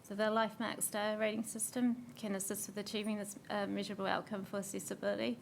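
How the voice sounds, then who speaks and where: Hoarse New woman, gravelly and even-toned, presenting a formal council submission. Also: mid-range voice, slight background noise. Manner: steady, measured reading with small slips and fillers. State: hoarse, losing her voice.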